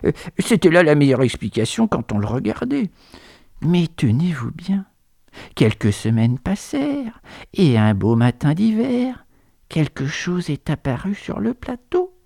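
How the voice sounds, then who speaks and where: A man's voice: fairly high pitch, gravelly, dark tone, no room sound, studio quality. A man narrating a whimsical radio chronicle in a theatrical manner, sometimes dropping into whispers for effect.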